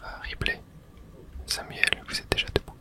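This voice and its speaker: Someone whispers in a hushed, unvoiced manner at a moderate pace while playing through a video game for an ASMR video, reading the dialogue aloud.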